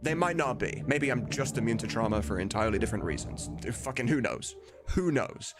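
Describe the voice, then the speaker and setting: Music runs in the background as a game dub maker in his thirties chats on his live stream. His mid-range voice is brisk with lively intonation, and he rambles in a candid, casual way.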